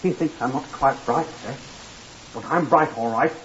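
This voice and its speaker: An actor with a mid-range, natural voice speaks at a normal speed as an eager, simple young lift boy at a hotel, set in Blackpool, Lancashire. The character rambles deferentially and addresses everyone as sir. This old-time radio performance is muffled and hissy.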